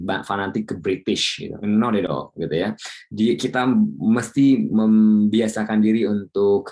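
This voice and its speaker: A man's voice: lowish voice, a little mellow. A man teaching an IELTS class, chatting casually, dropping English terms into his explanations and laughing often. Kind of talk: casual online lesson.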